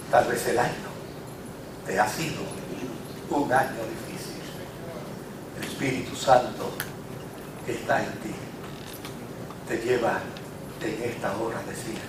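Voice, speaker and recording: A man with a Puerto Rican accent preaching a sermon as pastor, his delivery impassioned, swinging from low and quiet to loud and high. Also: heavy background noise. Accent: Puerto Rican Spanish. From Puerto Rico. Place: large church sanctuary. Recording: echoey church sound from far off.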